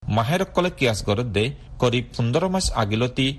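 A man's voice: mid-range voice, animated, normal speed. A man presenting a radio programme, reading a scripted story aloud as a presenter. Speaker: radio presenter and translator for a language lesson.

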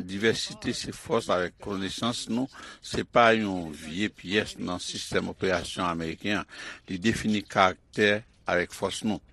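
A man reading a news report as a correspondent in a measured reportorial delivery. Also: low-pitched, gravelly, fairly bright tone, breathy edge.

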